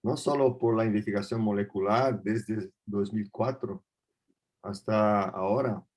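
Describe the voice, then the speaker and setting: A man leads an online case discussion as moderator. His voice sits low, and he talks at an unhurried pace, pausing and repeating words as he searches for them. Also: fairly even intonation, a little mellow. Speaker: meeting moderator.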